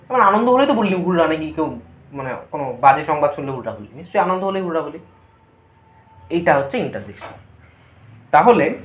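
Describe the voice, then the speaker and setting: A woman teacher explaining a grammar lesson, asking her students questions and then answering them herself. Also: lowish voice. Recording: echoey, dull lo-fi room recording.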